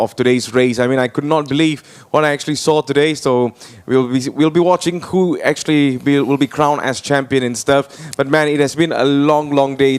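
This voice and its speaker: A man's voice: medium pitch, clear, resonant tone. A man co-commentating a motor race in a casual, hyped way with hesitant restarts. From Malaysia.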